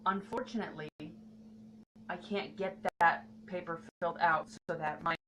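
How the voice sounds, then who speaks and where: A woman's voice: fairly low pitch, steady tone, normal speed. A woman talking candidly and earnestly to the camera in a personal vlog. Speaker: vlogger. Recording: noticeable background noise.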